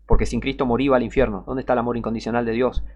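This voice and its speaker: A man preaching a fiery sermon, reading scripture and scornfully attacking his opponents, dropping to low mutters and rising to loud warnings. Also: flat delivery, rapid-fire, lo-fi sound.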